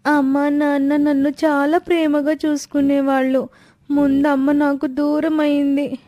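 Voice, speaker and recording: A woman voicing a frightened, lonely little girl who speaks slowly and softly. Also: high-pitched, flat delivery, dry recording. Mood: sad.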